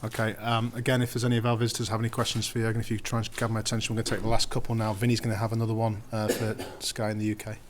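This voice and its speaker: A man moderating a press conference, brisk and businesslike as he calls on reporters. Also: on the low side, monotone, a little hiss or hum.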